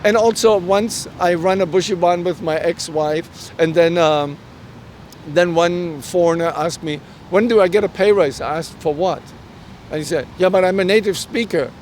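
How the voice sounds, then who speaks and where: In a conversational interview, a middle-aged man from Germany, a native German speaker with a German accent, tells personal stories as the guest. His voice is a little mellow, and his earnest, halting delivery includes quoting his own dialogue. Traffic rumble comes through because the recording was made outdoors on a street.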